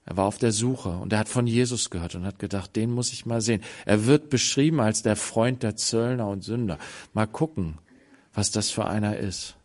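A man preaching a sermon, telling stories dramatically with sudden swings between loud and soft and acting out the voices of the people in them. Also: fairly low pitch, moderate pace. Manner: acts out the voices of people in the story.

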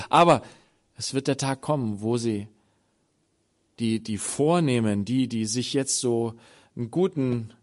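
A man preaching a sermon, dropping to hushed tones and rising to loud appeals, acting out biblical dialogue. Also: a little high.

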